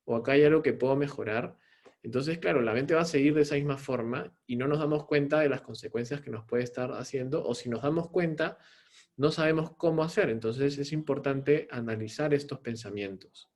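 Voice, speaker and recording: A man delivers a lecture in a plain mid-range voice. He explains step by step in a measured teaching manner. He often checks in with a questioning tag at the end of a phrase. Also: medium pitch, darkish tone. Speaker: psychologist giving a talk. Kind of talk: lecture on mental health.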